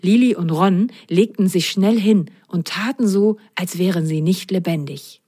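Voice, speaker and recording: A woman reading a children's bedtime story aloud in a gentle, unhurried storytelling manner. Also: lowish voice, breathy edge. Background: faint music.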